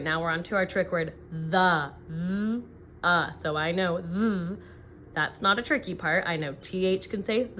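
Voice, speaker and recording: Lady teacher dictating slowly, sounding out each bit, lowish voice, some hiss or noise behind her. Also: bright, forceful tone. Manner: sounds out letters and syllables deliberately; instructional, checking in with questions. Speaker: elementary phonics teacher. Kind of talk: dictating sentences slowly, word by word.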